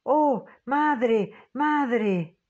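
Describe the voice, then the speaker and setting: A woman's voice: a little high, expressive, drawn-out words, a little mellow, pitched above the performer's own voice, full character voice. A woman voicing an alarmed middle-aged housekeeper who cries out in fear, on a dull, muffled audiobook recording. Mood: anguished. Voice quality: frightened, rising to cries. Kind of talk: audiobook character voice.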